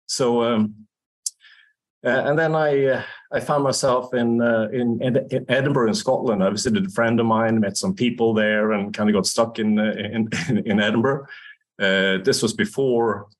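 A Swedish man in his sixties, a native speaker from Sweden, tells his story as a guest and company founder in a casual interview. His medium-pitched voice holds a steady tone at a moderate pace, and his talk is full of fillers, restarts and laughter.

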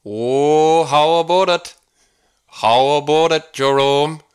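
A man's voice: fairly high pitch, slow, clear, resonant tone, pitched above the performer's own voice. A man voicing a cheerful, folksy Canadian man at home with an exaggerated Minnesota-style twang and a chummy, sing-song manner. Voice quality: overdone sing-song delivery.

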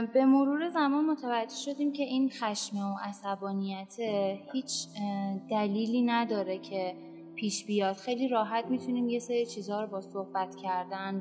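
A woman's voice: medium pitch, big-room sound. A woman sharing a personal story in a round-table podcast, hesitant and full of fillers. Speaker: podcast guest.

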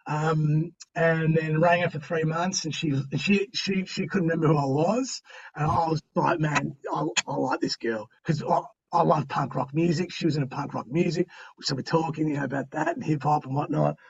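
A man's voice: a little high, steady tone, normal speed, creaky, recorded from a distance, muffled recording. A middle-aged Australian man chatting as a podcast guest, telling stories and giving encouragement in an emphatic, slangy, blokey way. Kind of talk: animated interview storytelling and motivational chat.

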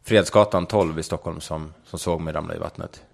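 A man's voice: extremely low pitch, steady tone, vocal fry. A young man speaking frankly in an interview, retelling a personal story vividly and swearing casually. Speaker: guest.

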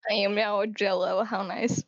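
A woman's voice: mid-range voice, flat delivery, normal speed, no echo. A woman playing a tabletop game, chatting in a playful, upbeat way. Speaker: player. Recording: dull dry mic.

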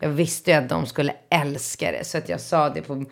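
Animated lower-voiced woman telling a story. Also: vocal fry. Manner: giggly, animated storytelling, swears freely. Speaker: podcast co-host. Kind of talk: casual chat, anecdote telling.

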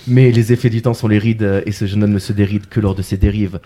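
Guy hosting a chatty podcast, mellow tone, cracking puns nonstop. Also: fairly low pitch, fairly even intonation, fast talker. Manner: playful, full of puns and wordplay. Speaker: podcast host. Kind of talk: casual chat.

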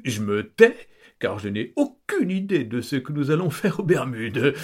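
A man's voice: mid-range voice, slightly rough. A man narrating a comic story in a pompous, theatrical manner.

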